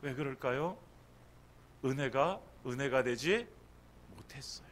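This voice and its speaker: A male pastor preaching a Sunday sermon, asking rhetorical questions and swinging between loud emphasis and hushed lines. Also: medium pitch, lively intonation, measured pace, slight background noise.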